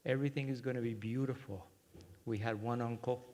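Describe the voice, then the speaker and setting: A man from Cuba giving a workshop talk and guiding a short meditation, speaking gently and reflectively with many pauses. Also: mid-range voice, fairly even intonation. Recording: long hall reverb.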